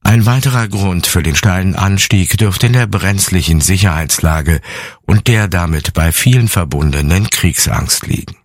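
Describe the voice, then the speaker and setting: Male news editor, low voice, dry close sound. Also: moderate pace, no echo. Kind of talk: news report.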